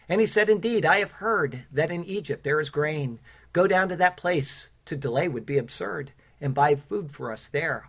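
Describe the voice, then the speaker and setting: A pastor preaching a sermon with casual asides and fillers, who reads his own rhymed Bible poem in a measured cadence. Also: a little high. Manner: earnest, recites rhymed verse in a measured cadence.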